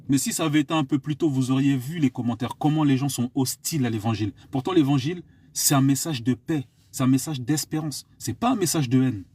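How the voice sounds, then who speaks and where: A medium-pitched, darkish male voice with some breathiness delivers a live online sermon. The speaker, from France, exhorts listeners by repeating pointed questions, with a cough here and there.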